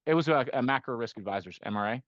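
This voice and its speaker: In a conversational podcast interview, a middle-aged investment firm managing partner raised in Costa Rica talks fast and expressively about his investment work, with many restarts and rhetorical "right?" tags. His voice is medium-pitched and a bit bright. The lo-fi audio carries no room sound.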